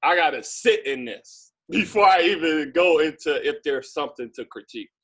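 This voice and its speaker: Lively high-pitched man telling a story. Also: normal speed, breathy edge. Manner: animated storyteller, jumpy pitch. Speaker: guest friend. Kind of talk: casual interview answer.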